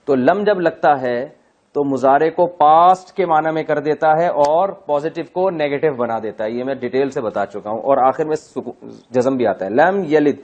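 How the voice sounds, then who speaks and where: A man teaching a Quran class, explaining Arabic grammar with drawn-out recitation of words and joking asides. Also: fairly high pitch, darkish tone. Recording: dull, muffled lecture recording.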